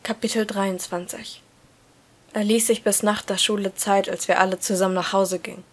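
A woman reads a novel aloud in first person. Her voice sits at a middle pitch, and she keeps a steady, even storytelling pace. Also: normal speed. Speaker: story reader.

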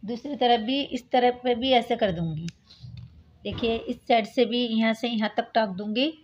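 Patient woman teaching knitting, slightly high voice. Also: normal speed, highs cut off. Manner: patient, repeats "look, friends" while demonstrating. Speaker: craft tutorial host. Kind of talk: step-by-step knitting tutorial.

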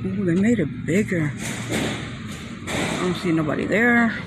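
A man with a New York accent rambles through a casual walking tour of an outdoor shopping plaza, thinking aloud as he goes. His voice sits a little high. It is recorded on a handheld phone, with street and traffic noise heard clearly behind him. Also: slow pace. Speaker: vlogger. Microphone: handheld phone camera.

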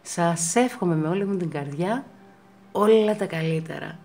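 A woman giving a pick-a-card tarot reading to her viewers, reassuring them and repeating words for emphasis, her pitch swinging up often. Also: darkish tone, faint music behind.

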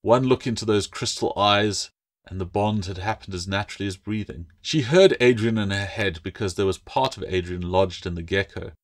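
The author narrates his own fantasy novel as an audiobook, keeping his low-leaning voice steady and his delivery measured.

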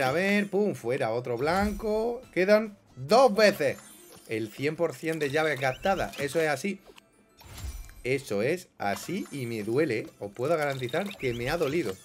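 Lively gaming commentator, animated. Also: male voice, mid-range voice. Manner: animated, swings from grumbling mutters to excited yelps. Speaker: gaming YouTuber. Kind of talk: casual gameplay commentary.

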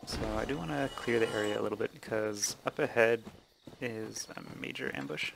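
A man hosting a let's play, explaining the game casually with many fillers and pauses. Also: medium pitch, gravelly, slight background noise, low-quality recording. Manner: relaxed, explaining with many ums and uhs. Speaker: gaming channel host.

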